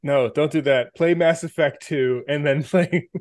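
A male podcast co-host in casual chat who likes to throw in dry jokes. His voice sits a little high for a man. The sound is dry and close on the mic. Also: measured pace, a little mellow, no echo. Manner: joking, dry quips.

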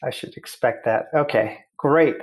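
Man, podcast host, mid-pitched voice, friendly, joking, casual questions. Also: unhurried. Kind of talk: casual interview chat.

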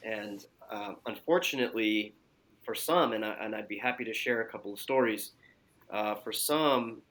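A man working as a physician, giving measured, explanatory answers as an interview guest. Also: lowish voice, a bit bright. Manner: measured, explanatory, frequent fillers.

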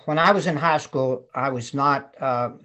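A man over seventy from West Virginia, casually reminiscing as an interview guest in an unhurried storytelling way. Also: medium pitch, pushed and bright. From West Virginia, United States. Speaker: guest, retired Marine colonel.

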